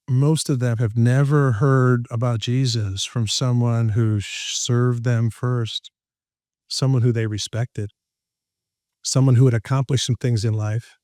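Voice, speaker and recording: Lively joking male speaker, dry sound. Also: medium pitch, no echo. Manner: lively, jokey, laughs at his own lines. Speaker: podcast guest, professional speaker and trainer. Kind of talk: animated storytelling in conversation.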